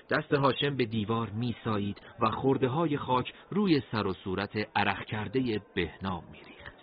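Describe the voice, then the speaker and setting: Low-voiced man narrating a story. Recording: dull lo-fi recording.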